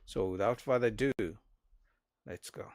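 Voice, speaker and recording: A man hosting a reaction channel, giving animated, emphatic commentary on clips and talking straight to his viewers. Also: fairly low pitch, moderate pace, no echo, clean studio sound.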